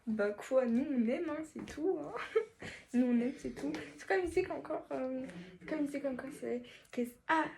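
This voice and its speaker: A woman's voice: high-pitched, normal speed, creaky, darkish tone. A woman playing a shy teenage schoolgirl who loves K-pop, in a comedy skit, talking hesitantly with lots of slang fillers. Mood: defensive. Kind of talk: comedy skit role-play.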